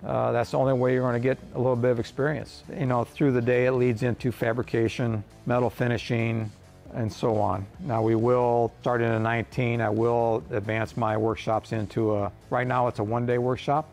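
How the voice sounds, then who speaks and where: Gravelly middle-aged man explaining welding. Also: medium pitch, little pitch movement, a little fast, a little mellow, faint music behind. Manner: plain-spoken, rambling with restarts. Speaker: hot rod shop owner and welding instructor. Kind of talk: casual shop explanation. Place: large metal fabrication shop, indoors.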